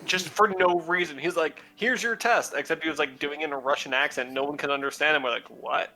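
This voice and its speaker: A man's voice: on the high side, fast talker, bright, forceful tone, low-quality recording. A man chatting casually, telling stories in a wry way. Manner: wry storytelling. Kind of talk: casual chat.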